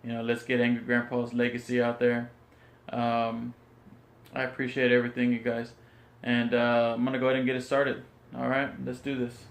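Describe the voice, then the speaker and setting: A man's voice: medium pitch, completely flat delivery, normal speed, gravelly. A man hosting a reaction video, subdued and hesitant, with many ums. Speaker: reaction channel host. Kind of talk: casual reaction video intro. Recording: echoey room.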